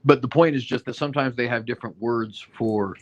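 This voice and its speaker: This is a man speaking fairly quickly at medium pitch in a casual discussion. Still recovering from an illness and a bit foggy, he hedges, uses fillers, and explains through examples while often asking "right?"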